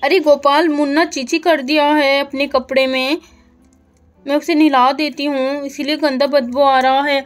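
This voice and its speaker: This is a busy, caring village mother, as a woman voices her for a doll story. She talks in a coaxing, motherly way in a high, light voice, with soft music behind. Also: flat delivery, a little slow. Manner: coaxing and motherly, fond pet names.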